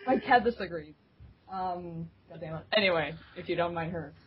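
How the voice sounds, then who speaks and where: As a guest in a casual group interview, a woman on the community staff tells stories with giggles, animated and lively. Her voice is lowish at a normal speed, captured in dull lo-fi audio with slight background noise.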